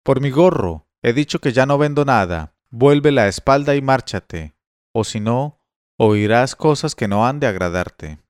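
A man voicing a coarse, stubborn Bedouin slave seller who talks loudly and bluntly in a read-aloud tale. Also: medium pitch, animated, measured pace, clear, resonant tone, no room sound, studio quality, lightly acted. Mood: gruff, stubborn.

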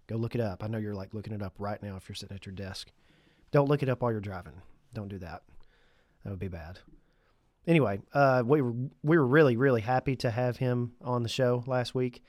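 A man's voice: mid-range voice, a little fast, darkish tone, dry recording, studio quality. A man with a stuffy nose hosting a podcast on his own, chatting casually and conversationally with lightly joking asides. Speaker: podcast host. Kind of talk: casual solo podcast talk.

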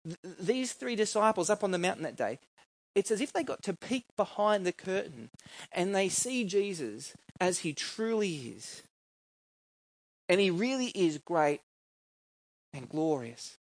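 A man with an Australian accent from New South Wales preaches a sermon that mixes scripture reading with personal anecdotes, keeping it informal and conversational and often questioning his listeners. His voice sits high and sing-song, and he takes his time. The recording is dry and low in quality.

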